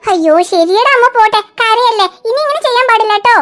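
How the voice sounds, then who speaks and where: A woman voicing a calm, gently scolding mother in a cartoon. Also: very high-pitched, brisk, very noisy. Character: soothing cartoon mother of three girls. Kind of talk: cartoon voice acting.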